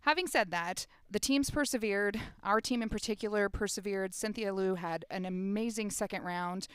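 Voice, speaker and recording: A woman's voice: medium pitch, a bit bright, clear, resonant tone, no room sound. A middle-aged woman, a compliance officer, chatting casually as a guest on a sports radio show and laughing at her own slips. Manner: quick, chatty, laughs at herself.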